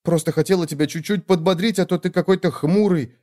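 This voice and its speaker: A man's voice: high-pitched, fast talker, warm tone, pitched above the performer's own voice, lightly acted. A man voicing a chatty young woman, a caring little sister who talks on and on. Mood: chatty, coaxing. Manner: talkative, eager and fussing.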